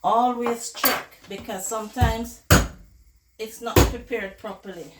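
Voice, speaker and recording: A cooking vlogger talks slowly in a steady, higher-than-average voice that's hoarse from flu, chatting to viewers as guys while cooking at home. Heavy background noise fills the echoey kitchen, from clattering pots and dishes to running water.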